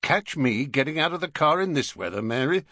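A man doing a brisk, harried husband. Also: a little high, expressive, bright, forceful tone, dry recording, studio quality, pitched above the performer's own voice. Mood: exasperated. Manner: brisk, exasperated. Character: harried middle-aged English husband.

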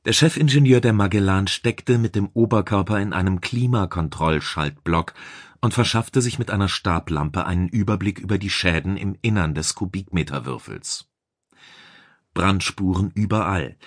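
A man reading a science fiction audiobook in calm, measured narration. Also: deep voice, no echo, clean studio sound. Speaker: audiobook reader.

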